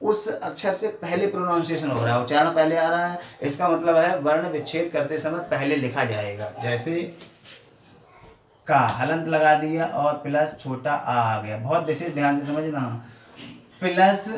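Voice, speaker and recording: A male teacher giving a grammar lesson, explaining slowly and repeating points, often asking his pupils questions and mixing into his speech. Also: fairly high pitch. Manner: slow, repetitive explaining with frequent questions to pupils. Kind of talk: classroom-style grammar lesson. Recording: echoey room, mic at a distance, faint noise.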